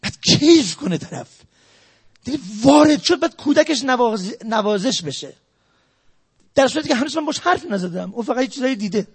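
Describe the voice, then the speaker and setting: A man giving a sales lecture, emphatic and repetitive, jumping between loud stresses and quiet asides. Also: extremely high pitch, animated, slightly rough. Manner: emphatic, repetitive, talks straight to the audience. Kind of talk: motivational lecture.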